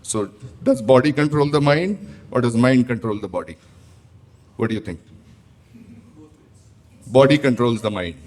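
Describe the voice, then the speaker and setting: A man's voice: mid-range voice, expressive, moderate pace, long pauses, a little mellow. A middle-aged man with an Indian accent gives a talk to a live audience as a tea room founder and chef, blunt and lecturing, often asking the audience questions.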